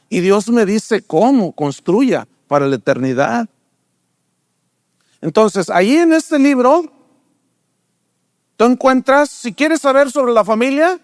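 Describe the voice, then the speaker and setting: In a clean studio recording with no echo, an older man serves as pastor and delivers a sermon. He throws rhetorical questions at the congregation and brings his stories to life, voicing the characters at a higher pitch.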